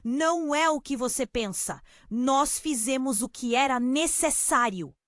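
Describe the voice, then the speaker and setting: A woman's voice: high voice, measured pace, a bit bright, no room sound, clean studio sound. A woman voicing a shaken middle-aged mother who defends herself with a broken voice. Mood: defensive.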